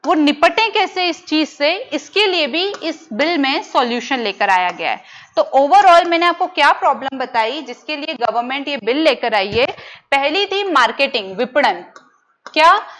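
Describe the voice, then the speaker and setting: A woman's voice: high-pitched, expressive, moderate pace, fairly bright tone, a little hiss or hum. A young woman giving an exam-prep lecture who poses questions to her students, answers them herself and repeats the key terms. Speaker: teacher.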